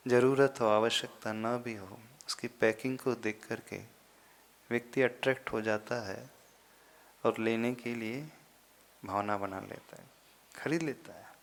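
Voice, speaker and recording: Slow, deliberate male monk preaching. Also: medium pitch, a bit bright. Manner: slow, deliberate teaching with pauses and sudden emphatic rises. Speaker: Jain monk giving a discourse. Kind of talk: sermon.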